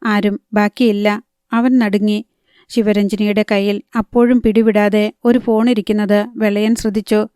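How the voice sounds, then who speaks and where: A woman reading a crime thriller audiobook in a measured storytelling manner. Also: mid-range voice, little pitch movement, dark tone, smooth, dry recording, clean studio sound. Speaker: audiobook narrator. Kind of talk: scripted narration of a crime thriller.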